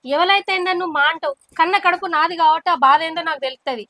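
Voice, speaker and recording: A woman's voice: very high voice, fast talker, bright, forceful tone, dry recording, studio quality. A woman playing a resentful village wife and mother who complains sharply. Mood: bitter. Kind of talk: village family drama acting.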